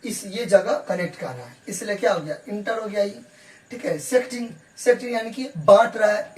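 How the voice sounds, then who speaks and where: A male math teacher giving a classroom geometry lesson. He explains by repeating himself, asks rhetorical questions and answers them, and mixes English math terms into his explanation. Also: high-pitched. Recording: echoey room, voice from a distance.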